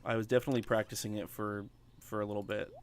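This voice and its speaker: A gaming streamer with a lowish, fairly flat voice talks quickly while playing a farming game, chatting casually with viewers and using plenty of fillers in a relaxed let's play. A slight hiss or hum sits in the audio.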